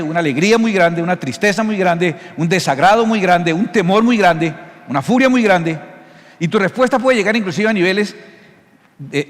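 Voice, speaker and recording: Pastor guy preaching, pretty high voice, lively jokey teaching, big hall echo. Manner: animated, jokey teaching with frequent check-in questions. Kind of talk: sermon. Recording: long hall reverb.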